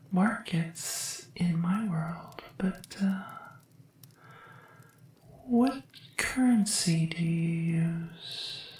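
A woman's voice: lowish voice, darkish tone, very echoey, recorded from a distance, slight background noise. A woman voicing a devoted, formal female servant from another world, whispering hesitantly and deferentially in an ASMR roleplay.

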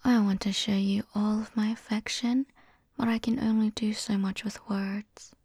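A woman playing a doting, dominant young student in love, in a whispered role-play, speaking softly and teasingly right into the listener's ear. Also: medium pitch, little pitch movement, normal speed, husky, no room sound, clean studio sound. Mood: tender, possessive. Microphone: very close, dry.

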